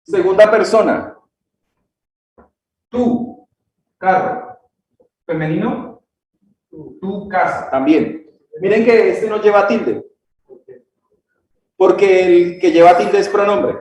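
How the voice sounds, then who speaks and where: Slow, high-voiced man teaching grammar, echoey. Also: a little mellow. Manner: checks in often with short questions, repeats key words slowly. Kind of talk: classroom grammar lesson. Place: church classroom. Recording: echoey room, distant mic, faint noise.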